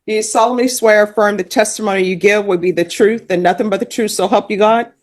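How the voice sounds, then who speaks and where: Judge, woman, brisk and procedural, from courtroom audio. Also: mid-range voice, steady tone. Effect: courtroom recording. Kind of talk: presiding over a court hearing.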